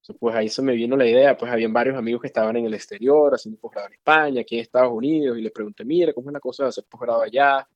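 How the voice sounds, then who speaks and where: A man in his thirties from Venezuela with a Venezuelan accent, a guest in an interview who talks in a relaxed, rambling way and keeps dropping fillers. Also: medium pitch, racing, hardly any pauses, dry recording, lo-fi sound. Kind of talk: conversational interview.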